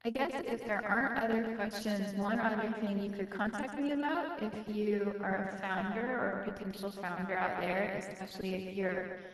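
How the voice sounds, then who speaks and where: A woman's voice: mid-range voice, steady tone, normal speed. Encouraging woman founder, far and echoey. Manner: earnest, encouraging, with fillers. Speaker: founder and guest speaker. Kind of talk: live-stream talk. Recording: echoey, distant, long reverb.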